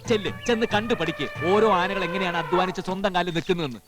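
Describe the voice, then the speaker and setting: A man's voice: sits high, rapid-fire, music in the background, close to an everyday voice. An actor with a Malayali accent playing a hapless broke young man, pleading and whining in a film comedy scene.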